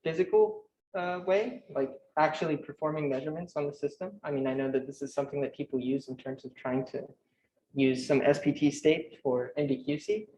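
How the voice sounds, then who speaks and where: A young man presenting a physics talk at a conference, his voice sitting a little high. He talks fast and technically, stumbling into restarts and fillers. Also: fairly even intonation, dark tone, poor audio. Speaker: conference speaker. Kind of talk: academic talk.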